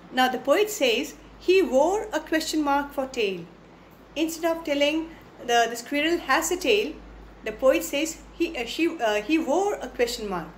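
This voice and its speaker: Woman teacher, Indian English accent, high voice, patient and repetitive, quizzing the class; faint noise behind. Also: roomy sound. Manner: explains patiently, repeats lines, asks the class questions. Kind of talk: online class poem explanation.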